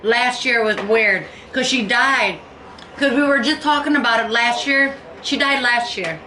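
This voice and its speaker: A woman talking in a halting, tearful way and repeating herself, near tears, in a home vlog. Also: fairly high pitch, sharp tone. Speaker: vlogger. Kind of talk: emotional personal vlog. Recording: echoey room with faint noise.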